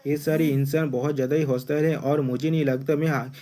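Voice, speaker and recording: A man's voice: fairly high pitch, fairly even intonation, fast talker, mellow, natural voice. Proud demon empress, as a man reads her. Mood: urgent.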